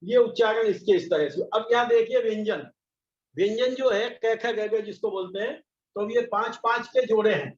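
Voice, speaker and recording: A man teaching a patient pronunciation lesson, sounding out each syllable slowly. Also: high-pitched. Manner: slow, patient, demonstrates each sound aloud. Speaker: Sanskrit teacher. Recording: echoey, slightly dull recording.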